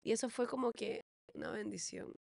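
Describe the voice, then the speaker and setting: A woman chats as a podcast co-host, telling her story with quoted back-and-forth and a few English words mixed in. Her voice runs a little high with a gravelly fry. It is recorded close and dry. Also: brisk, a little mellow, no echo. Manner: chatty, mixes in English words, quotes dialogue dramatically. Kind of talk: casual chat.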